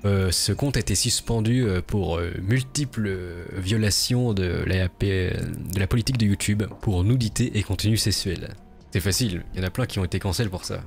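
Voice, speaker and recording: A man's voice: deep voice, moderate pace, a little mellow, faint music behind. A man in a played video, speculating in a gossipy way with hesitant fillers. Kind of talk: conversational video commentary.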